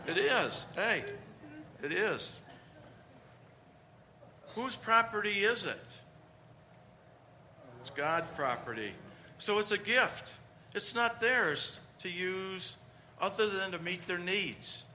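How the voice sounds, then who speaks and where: A man's voice: on the high side, bright, forceful tone, a little hiss or hum. A man preaching a conversational homily, with rhetorical questions and emphatic points.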